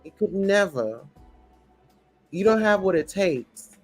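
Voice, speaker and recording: A man's voice: high-pitched, lively intonation, slow, soft background music. A man ranting in a blunt, profane, preachy commentary reacting to a show.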